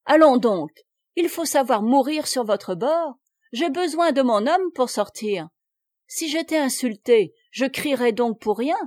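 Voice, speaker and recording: A woman's voice: high voice, lively intonation, measured pace, darkish tone, dry recording, clean studio sound. Woman doing a curt, proud young courtesan. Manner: curt, cool.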